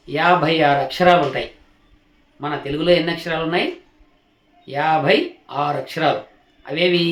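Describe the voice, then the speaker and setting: A male teacher giving a slow alphabet lesson, patiently repeating each sound and stopping to ask his learners questions while he writes. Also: on the high side. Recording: roomy echo.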